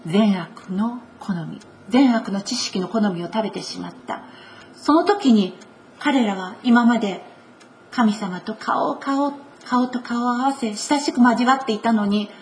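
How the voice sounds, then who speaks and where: A woman preaching a conversational sermon with a Kansai accent, voicing quoted lines with shifts in pitch. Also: a little hiss or hum. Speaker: pastor.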